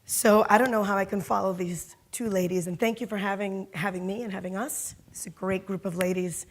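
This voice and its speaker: Speaking a little fast in a medium-pitched voice, a woman from Miami, Florida, tells her career story on a panel in a conference hall. A corporate security executive, she tells it with lively energy, frequent fillers and laughs.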